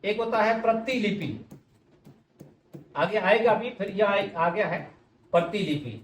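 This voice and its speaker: A man's voice: sits high, a little slow, roomy sound, a little hiss or hum. A man teaching spelling for exams, patiently repeating words and answering his own questions. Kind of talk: exam-prep lesson.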